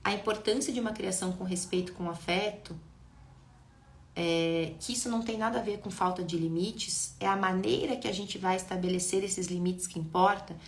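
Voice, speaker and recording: A woman explains things with animation and keeps talking straight to her audience. Her voice sits at a middle pitch. The room gives it a noticeable echo. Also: moderate pace. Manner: animated, addresses viewers directly. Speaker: neuroscience educator. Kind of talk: live-stream talk.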